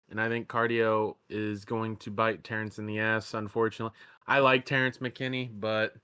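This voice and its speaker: Bright-voiced man rambling about fights. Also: medium pitch, clear, resonant tone. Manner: profane, rambling, laid-back. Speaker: fight predictions panelist. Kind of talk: casual chat.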